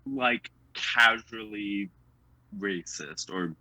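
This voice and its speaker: Very slow and lowish, this young man's voice sounds pushed and bright over poor audio with no echo. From the United States and speaking General American, he's a guest in a casual chat, hesitating, filling gaps with fillers, and laughing a lot.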